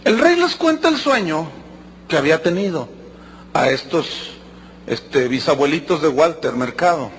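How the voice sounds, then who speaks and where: Animated high-voiced preacher. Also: male voice, measured pace, a little hiss or hum. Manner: animated, acts out quotes and jokes with the congregation. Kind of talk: sermon.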